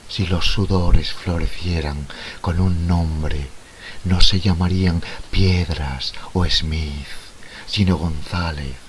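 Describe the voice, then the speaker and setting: A man recites poetry in a very deep, grave voice at an unhurried, deliberate pace. Phrases sometimes sink into whispers. A faint hiss sits under the recording. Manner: slow, solemn, dropping into whispers.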